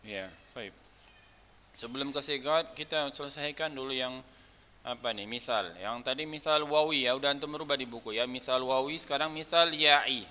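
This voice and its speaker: A man's voice: medium pitch, normal speed, pushed and bright, in a large hall, a little hiss or hum. A man teaching an Arabic grammar class, reciting verb patterns and calling on students by name, patiently asking them to speak up. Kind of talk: online class drilling word forms.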